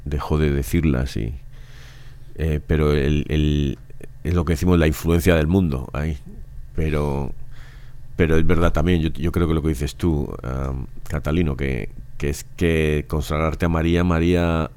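Man, extremely low voice, clear and resonant, reflective chat. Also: steady tone, measured pace, mellow. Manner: reflective, often interjects with short remarks. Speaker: participant in a religious discussion. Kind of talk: casual devotional discussion.

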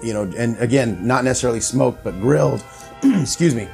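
A man's voice: medium pitch, expressive, a little fast, gravelly, a little mellow, soft background music. A man from Phoenix chatting casually on a podcast, explaining food knowledgeably. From Phoenix, United States. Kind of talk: casual chat.

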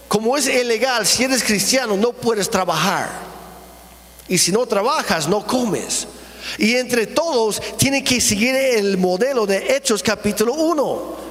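A man's voice: high voice, lively intonation, a little slow, a bit bright, long reverb tail. A man preaching a sermon in earnest, emphatic style, asking his congregation rhetorical questions. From not from here, speaks with an accent. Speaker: pastor. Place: church auditorium.

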